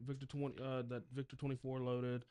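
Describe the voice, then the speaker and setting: A man's voice: medium pitch, completely flat delivery, fairly quick, dark tone, clean tone, no echo, clean studio sound. Crude, swearing man chatting. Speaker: podcast co-host, tow truck driver. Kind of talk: casual chat.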